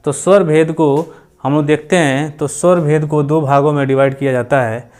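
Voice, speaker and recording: A man's voice: a little high, steady tone, moderate pace, a little mellow. A man teaching grammar for exam preparation, explaining step by step, repeating points and sounding out vowels as examples. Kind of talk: exam-prep lecture.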